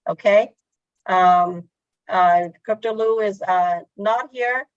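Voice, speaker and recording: A woman hosting an online meeting in casual talk, halting and full of fillers. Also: mid-range voice, dry recording. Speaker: meeting host. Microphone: video call. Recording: dull lo-fi call audio.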